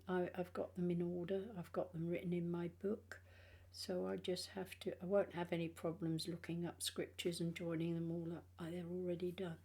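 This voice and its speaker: An older British woman, in her sixties or beyond, chatting casually and haltingly in a personal vlog, sounding tired, with speech affected by missing front teeth. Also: on the low side, dark tone, breathy edge. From England. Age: 60s or older. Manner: halting, rambling, trailing phrases.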